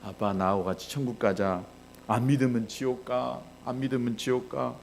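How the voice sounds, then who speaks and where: A male pastor voicing an insistent young boy who keeps pleading with his father, in a gravelly voice. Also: mid-range voice, fairly even intonation, normal speed, a little hiss or hum, close to an everyday voice.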